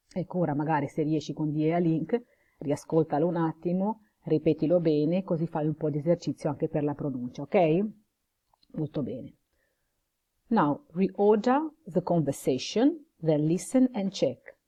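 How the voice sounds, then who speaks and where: Low, husky Italian woman teaching English. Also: warm tone. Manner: switches between English phrases and Italian explanation, slow careful English. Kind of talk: recorded video lesson.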